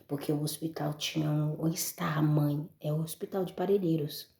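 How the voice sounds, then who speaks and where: A Brazilian woman gives an emotional testimony to a church audience, calling them brothers and folks. Her voice is low and gravelly, with a dark, mellow tone. The sound rings in a roomy space. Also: steady tone, normal speed. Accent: Brazilian Portuguese. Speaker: testimony speaker.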